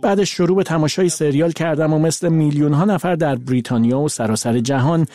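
Measured male voice-over interpreter. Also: a little high, dark tone. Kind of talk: dubbed translation of interview answers.

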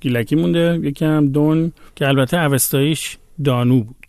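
A man patiently explaining words one by one in a relaxed educational chat. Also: fairly high pitch, dry recording. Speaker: language expert co-host.

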